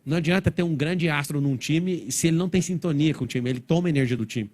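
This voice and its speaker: A man giving a motivational stage talk to a live audience, blunt and provocative in a rapid-fire way. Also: on the high side, a little mellow. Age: adult, father of four. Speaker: motivational speaker.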